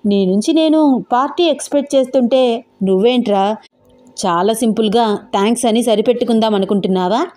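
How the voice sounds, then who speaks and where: A woman's voice: a little high, brisk, mellow, soft background music, natural voice. A woman voicing an easygoing young man who teases his best friend, in a storybook reading. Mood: teasing. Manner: casual, teasing.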